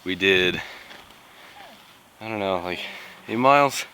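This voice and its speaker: A man's voice: low-pitched, animated, slow, sharp tone, poor audio. Jokey young man filming outdoors. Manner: mock-dramatic, jokey, put-on British accent at times. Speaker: vlogger. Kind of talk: jokey outdoor survival vlog. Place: outdoors in the backcountry. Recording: outdoor camera audio with background noise.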